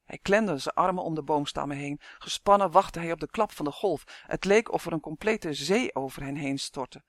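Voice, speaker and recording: Casting: a male storybook narrator, fairly high voice, clear and even, dry close studio sound. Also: normal speed, dry recording. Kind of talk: audiobook narration.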